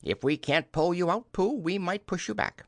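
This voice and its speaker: A man voicing a brisk, fussy, stern storybook rabbit in a clipped, proper manner. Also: high-pitched, lively intonation, creaky, dry recording, studio quality, voice pushed up. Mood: matter-of-fact.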